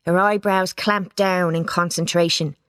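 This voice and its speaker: A woman reading a children's storybook aloud, giving it lively expression. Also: lowish voice, measured pace, smooth, no echo, studio quality. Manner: lively character voices, plain narration. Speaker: audiobook reader. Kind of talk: storybook narration.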